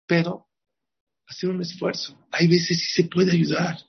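A man gives a religious lesson as a rabbi, and he keeps asking his listeners questions. His voice is gravelly and husky at a middle pitch. The recording sounds dull and lo-fi. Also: measured pace. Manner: lively, asks the audience rhetorical questions. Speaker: rabbi teaching a Torah class. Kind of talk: religious lesson with moral teaching.

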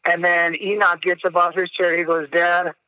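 A man's voice: high voice, level tone, moderate pace, bright, forceful tone, clear, resonant tone, dry recording, poor audio. A man in his thirties hosting a podcast, telling a story in a casual, profane way. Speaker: podcast host.

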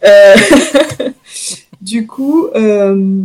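A woman's voice: mid-range voice, drawn-out words, mellow. A woman co-hosting a casual chat show, talking with many hesitations and fillers and laughing often. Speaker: podcast co-host presenting series picks.

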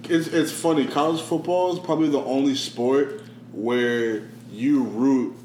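A man's voice: medium pitch, unhurried. A man co-hosting an easygoing sports chat who fills his talk with "like." His voice carries the echo of the room, with faint noise underneath. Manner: relaxed, says "like" a lot.

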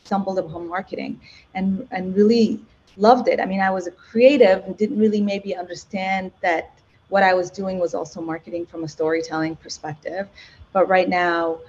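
Woman from Egypt, podcast guest, mellow husky voice, animated storytelling, dull lo-fi sound. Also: mid-range voice, normal speed. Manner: animated, self-correcting storytelling. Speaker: podcast guest, marketing executive. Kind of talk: casual interview chat.

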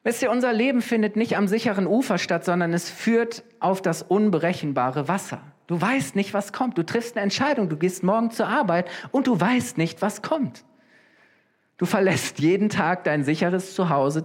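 A man preaching a sermon in a lively, conversational way, often asking his listeners questions. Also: sits high, normal speed.

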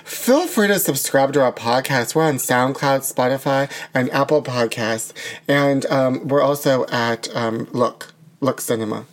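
A man's voice: mid-range voice, a little slow. A man co-hosting a comedy podcast, signing off in a campy, theatrical, playful way. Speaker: podcast co-host. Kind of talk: improvised comedy sketch and sign-off.

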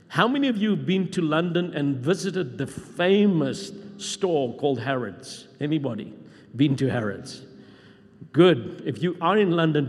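High-voiced man preaching in a reverberant hall. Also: slightly rough. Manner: emphatic, reading scripture aloud with rising intensity. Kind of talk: sermon. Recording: long reverb of a large hall.

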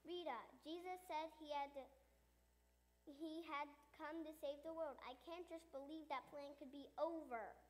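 Woman playing a loud male huckster for a children's skit, sits high. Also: fairly even intonation, natural voice. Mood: earnest. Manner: salesy, rapid-fire sales pitch. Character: fast-talking male used-camel salesman, pushy pitchman. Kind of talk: children's church radio skit.

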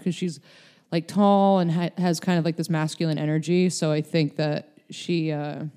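Young woman, casual podcast guest; mellow tone, candid, meandering delivery. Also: deep voice. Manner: rambling, filler-heavy, candid. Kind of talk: casual chat. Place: LA area.

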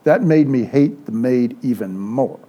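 Lively older male pastor telling stories. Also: medium pitch, a little slow, muffled recording. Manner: lively storyteller, acts out quoted dialogue. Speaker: pastor teaching a Sunday school class. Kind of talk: informal sermon with storytelling.

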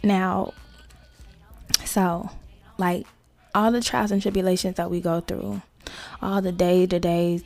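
A woman hosting a casual solo podcast, talking to listeners in slangy, sweary asides with creaky vocal fry. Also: fairly low pitch, darkish tone. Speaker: podcast host.

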